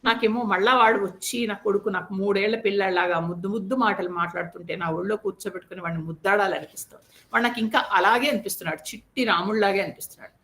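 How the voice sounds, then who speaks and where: A woman's voice: medium pitch, fast talker, a bit bright, natural voice. A woman storyteller voicing a grieving queen mother who laments and reproaches her husband. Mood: grieving, reproachful.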